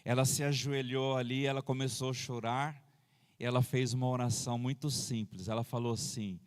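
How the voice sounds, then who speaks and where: Pastor preaching in a reverberant church. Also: male voice, medium pitch, steady tone, moderate pace, clear, resonant tone. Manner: conversational preaching, frequent amens and hallelujahs. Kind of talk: sermon. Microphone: handheld microphone.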